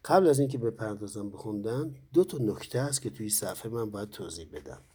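A man, teaching a recorded Quran recitation lesson to students, explaining slowly with pauses and fillers. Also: lowish voice, expressive, a little mellow, husky.

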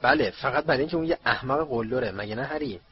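A man's voice: medium pitch, background noise, natural voice. A man voicing an eager teenage prankster wizard boy, in a slightly dull audiobook recording.

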